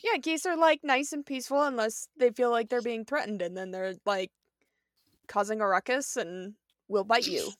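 A woman co-hosting a podcast chats casually and easily, using lots of filler words. Her voice is fairly high, her speed normal, and there's no room sound.

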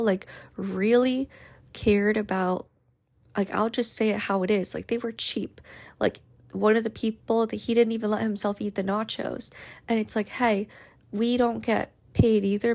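A young woman in her twenties talks in a casual, rambling way, close to tears and full of fillers and restarts. Her voice has a gravelly, fried edge. Her pitch stays fairly flat and level. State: tearful. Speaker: law student podcaster. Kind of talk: casual chat.

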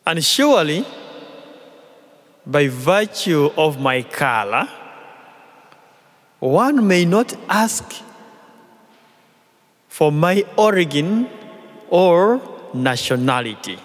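A man with a Ugandan accent preaches a homily in a large church, placing each short phrase slowly and deliberately. His voice sits somewhat high for a man. The sound carries a long reverb from the church hall. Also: big pitch swings. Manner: slow, deliberate, phrase-by-phrase delivery. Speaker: visiting priest. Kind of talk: mission appeal homily at Mass.

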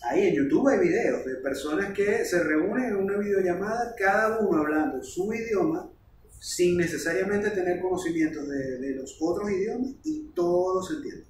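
A man, a language teacher explaining things in a casual, animated podcast chat. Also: sits high, moderate pace, slight background noise. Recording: roomy, distant mic.

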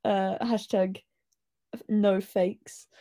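A woman's voice: mid-range voice, little pitch movement, very slow, mellow. A woman from England, co-hosting a podcast in a teasing, casual way. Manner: teasing, laughs often. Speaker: podcast co-host. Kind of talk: casual chat.

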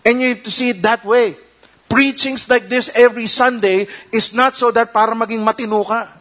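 A man with a Filipino accent preaching a sermon, animated and emphatic, mixing English and Tagalog. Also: very high voice, a little fast. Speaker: pastor.

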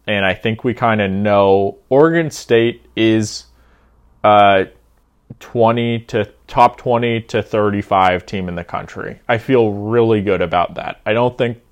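A young man with a slightly low voice talking sports on a casual podcast. He weighs each point aloud, hedges, and circles back to restart his sentences. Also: smooth, highs cut off. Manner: thoughtful, hedging, restarts sentences. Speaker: podcast co-host. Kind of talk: casual sports betting chat.

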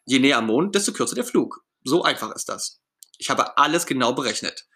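A man's voice: mid-range voice, expressive, fairly quick, bright, forceful tone. A man voicing Bert, a fussy, self-important puppet friend, in a storybook reading with a pompous, brusque manner.

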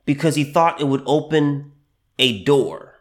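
A man with a slightly high voice runs a solo commentary podcast while his allergies have him a bit under the weather. Expect a halting delivery full of repeated phrases and fillers, with deliberate slowdowns when he emphasizes a point.

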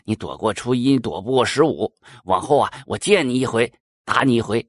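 A man's voice: mid-range voice, fairly quick, husky, dry recording, lightly acted. A grumpy, blunt male cat from a spoken folk tale, grumbling, as a man puts him on. The voice stays near a plain male middle register. It is close and dry, with no room sound. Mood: threatening.

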